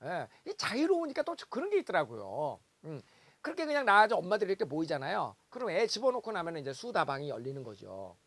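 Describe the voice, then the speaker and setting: A man giving a lively seminar lecture, telling stories and acting out the voices of parents. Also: fairly high pitch, no room sound. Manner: animated storytelling, acts out parents' voices, exclaims.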